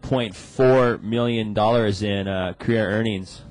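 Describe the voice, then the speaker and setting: A man giving live colour commentary as a surf contest announcer, casual and halting, peppering his talk with filler phrases. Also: fairly low pitch, steady tone, a little mellow, poor audio. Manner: halting, casual, frequent "you know" and "man".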